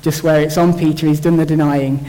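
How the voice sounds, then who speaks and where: A man's voice: a little high, flat delivery, a little fast, dark tone. A young man giving an informal, jokey Bible talk as a church speaker, thinking aloud with restarts. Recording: long hall reverb.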